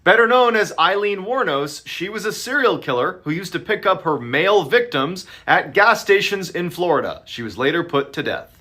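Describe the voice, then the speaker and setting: A man narrating a true crime story with suspense, dropping low on ominous lines. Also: very animated, moderate pace, few pauses, sharp tone.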